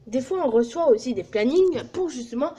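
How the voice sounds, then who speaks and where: Expressive and husky, with a dark tone despite her high pitch, a teenage girl vlogs casually at a moderate pace. She swears a lot and makes crude jokes while walking through her work placement in a small office.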